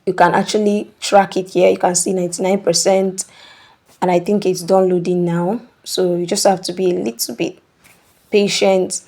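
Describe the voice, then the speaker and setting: With a lowish, slightly mellow voice and a level tone, this tutorial host talks at normal speed over a screen recording. She explains the steps patiently and instructively, often pausing to ask "okay?".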